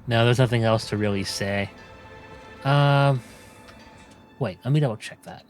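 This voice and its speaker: A man gives casual video game commentary in a medium-pitched voice. He thinks out loud, often muttering to himself. Game music is clearly audible behind him. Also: a little slow. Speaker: let's play gamer.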